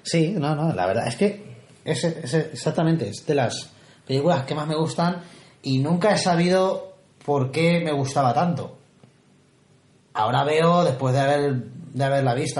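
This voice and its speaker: A man's voice: a little high, a little mellow. A man from Spain co-hosting a casual film podcast, playful and often searching for words. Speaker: podcast co-host. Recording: echoey room.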